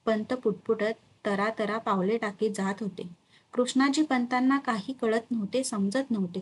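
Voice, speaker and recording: Female storybook narrator, measured and dramatic, husky tone. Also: on the high side. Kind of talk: storybook reading of a historical novel.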